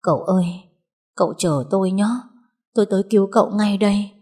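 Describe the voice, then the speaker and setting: A woman's voice: medium pitch, fairly even intonation, a little fast, mellow, close to an everyday voice. A woman voicing a sick young woman who pleads desperately for her beloved. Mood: pleading.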